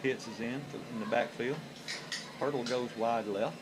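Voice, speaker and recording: A high school football play-by-play announcer speaks in a mid-range voice at a moderate pace. His live commentary is folksy and informal, with clear background noise from the game broadcast.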